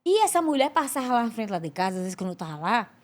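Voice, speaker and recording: Woman, podcast guest, animated testimony, fairly high voice with big pitch swings. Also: fast. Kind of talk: religious testimony in conversation.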